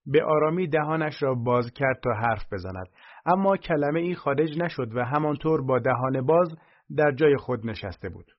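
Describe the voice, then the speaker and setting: A man's voice: mid-range voice, animated. Male audiobook narrator, dull lo-fi sound. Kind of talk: first-person audiobook narration.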